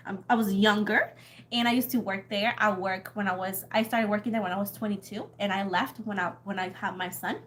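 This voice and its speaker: A young woman from Puerto Rico reads tarot on a livestream and chats casually with viewers, rambling, laughing often and swearing casually. Her Puerto Rican-accented voice is medium-pitched, steady and a bit bright, and she speaks fairly quickly.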